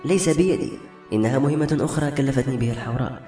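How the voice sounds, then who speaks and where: A frightened, earnest young girl, as a male narrator voices her pleads with a raised, quick voice. Her worry runs through every line. The recording has a roomy echo over faint music. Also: medium pitch, warm tone, pitched above the performer's own voice, lightly acted. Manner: worried and pleading.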